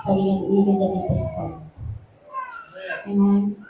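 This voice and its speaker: A woman's voice: medium pitch, animated, measured pace, mellow. A woman preaching a sermon to a congregation. She is emphatic, fires off rhetorical questions and calls of "Amen?", and switches between Tagalog and English. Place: church hall. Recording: echoey hall from far off, faint noise.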